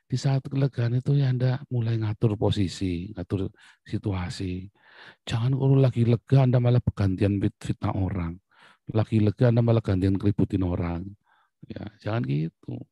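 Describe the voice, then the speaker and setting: A man gives a lively sermon in a low, gravelly voice with a husky edge. He talks casually and keeps jumping up in pitch for emphasis. The recording is dry and dull, with a lo-fi sound. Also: no echo. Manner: lively, laughing, pitch jumps when exclaiming. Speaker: pastor.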